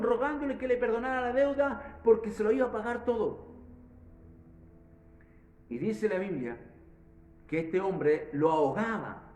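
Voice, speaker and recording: A man's voice: high voice, darkish tone, reverberant, slight background noise, poor audio. A man from Chile preaching a sermon, retelling a parable with restarts and repeated words.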